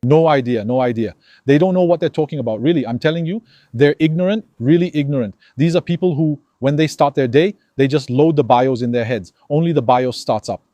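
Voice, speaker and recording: An Algerian commentator delivers an animated, emphatic opinion monologue to his viewers, acting out dialogues as he goes. His medium-pitched voice runs a little fast, and there's no room sound.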